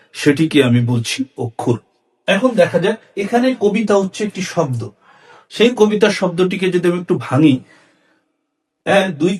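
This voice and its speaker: Husky-voiced man teaching Bengali diction. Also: high voice. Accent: Bangladeshi Bengali. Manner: clear, measured teaching delivery with lively rises and falls. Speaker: speech and debate instructor. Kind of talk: educational lesson on Bengali syllables.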